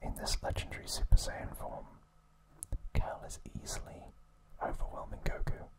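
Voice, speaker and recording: This ASMR video features a man whispering softly and breathily through a trivia recap, his phrasing careful and punctuated by pauses.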